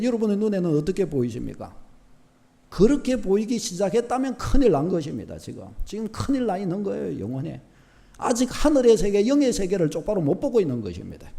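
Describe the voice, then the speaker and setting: Male pastor, high lively voice, dramatic sermon delivery swinging from quiet to loud. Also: a little fast, creaky. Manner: animated, shifts from soft to loud, acts out short dialogues. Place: church sanctuary.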